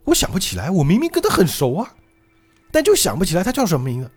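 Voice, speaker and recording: A man voicing a young man turned into a child, shouting in bewildered alarm. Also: sits high, huge pitch swings, fast, a crowd in the background, pitched above the performer's own voice. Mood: pleading.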